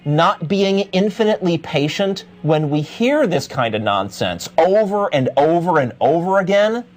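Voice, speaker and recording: Blunt, incredulous co-host with swooping pitch. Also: lively intonation, normal speed. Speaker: co-host of a call-in show. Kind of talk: argumentative unscripted talk with a caller.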